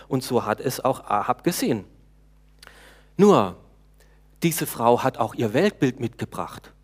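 Man preaching a conversational sermon. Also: mid-range voice. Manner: conversational preaching, talks to the congregation, frequent hesitations.

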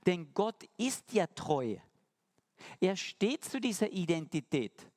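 Male preacher, voice a touch high, animated sermon delivery with direct questions to the listeners. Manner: lively, shifting between quick asides and slow emphatic lines; addresses the congregation directly with rhetorical questions.

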